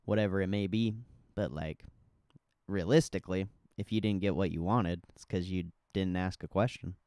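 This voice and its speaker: A man's voice: low-pitched, fairly even intonation, normal speed, a little mellow, no room sound, clean studio sound. A young man chatting casually on a livestream like a laid-back crypto bro, slangy and sweary. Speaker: livestream host.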